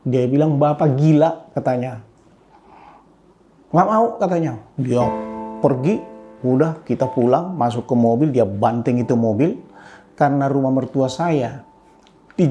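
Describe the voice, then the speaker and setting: An older man, telling a personal story to an audience in an animated way with sudden pitch jumps. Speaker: speaker addressing an audience. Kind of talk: storytelling talk.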